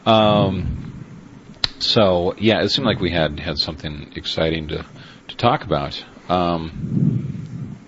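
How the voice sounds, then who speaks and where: A tired man co-hosting a podcast, rambling casually with lots of fillers and laughs. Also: low-pitched. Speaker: podcast co-host. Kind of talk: casual chat. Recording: dull lo-fi sound with noise.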